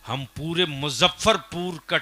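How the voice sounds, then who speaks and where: A man preaching a fiery sermon at a public gathering, asking the crowd questions and swinging up to shouting. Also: a little high, unhurried. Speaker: Islamic preacher. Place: outdoor religious gathering.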